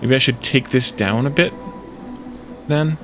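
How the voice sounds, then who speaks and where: With music playing behind him, a medium-pitched man speaks at a measured pace. He's hosting a let's play, thinking aloud and muttering over game choices in brief, hesitant bits of gaming commentary.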